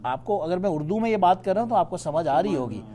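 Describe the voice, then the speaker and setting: A man teaching a Quran study class, explaining patiently and reciting verses slowly. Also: sits high, lively intonation, warm tone.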